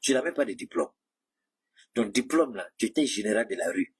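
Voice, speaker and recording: A man with a husky, slightly breathy voice holds forth in a long monologue. He mocks and challenges the people he talks about, turning to address them directly. The pitch sits in an ordinary middle range. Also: expressive, brisk. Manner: mocking, combative, addresses rivals directly. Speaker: political commentator. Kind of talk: heated monologue commentary.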